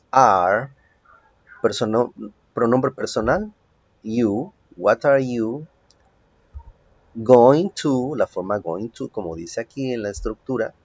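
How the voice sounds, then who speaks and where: Male teacher with a Mexican Spanish accent. Slow, patient, step-by-step delivery. Lo-fi home recording. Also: medium pitch, breathy edge, no room sound. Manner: patient, explains step by step, keeps checking with "¿ok?". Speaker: English teacher. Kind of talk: remote English lesson.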